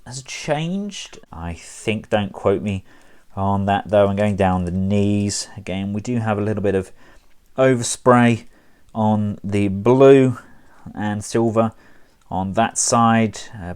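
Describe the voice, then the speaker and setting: A man's voice: on the low side, darkish tone. A man casually reviewing a collectible action figure, chatty with wry asides.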